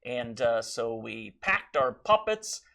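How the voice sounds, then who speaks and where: An American man with an average-pitched voice answers interview questions. He is a working puppeteer and speaks in an informal, jokey way. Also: sing-song, slow pace, creaky, pushed and bright.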